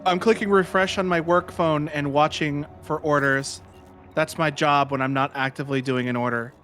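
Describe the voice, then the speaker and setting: A man chatting in a relaxed way with friends during a game stream, telling small anecdotes. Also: a little high, moderate pace. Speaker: friend playing along on stream. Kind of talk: casual gaming chat.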